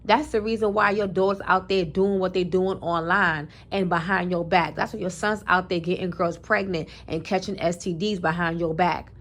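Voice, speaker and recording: Speaking at normal speed with few pauses, this woman has a low-leaning, steady, slightly bright voice. She's a commentary vlogger airing her views in an emphatic, preachy way, leaning on casual speech, repeated phrases and references to scripture.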